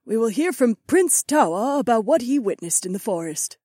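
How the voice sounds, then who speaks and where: A man's voice: extremely high pitch, sing-song, moderate pace, darkish tone, no echo, clean studio sound, voice pushed up, exaggerated voice. A man voicing a cold, imperious queen who presides over a trial in an audiobook. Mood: icy. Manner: stone-cold, commanding. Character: cold, imperious queen, middle-aged woman. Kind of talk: audiobook character voice.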